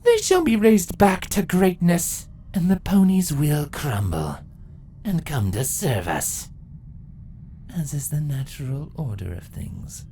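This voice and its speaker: A woman voicing an ancient changeling empress in a fantasy story, a calm, condescending and menacing villain who speaks deliberately. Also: sits low, slight background noise, voice pushed up, full character voice.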